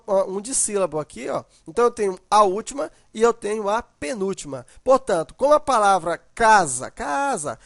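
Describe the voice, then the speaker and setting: A man's voice: high-pitched, a bit bright, no room sound, studio quality. A man giving a grammar lesson, methodical and repeating examples, often checking in with his students. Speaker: teacher.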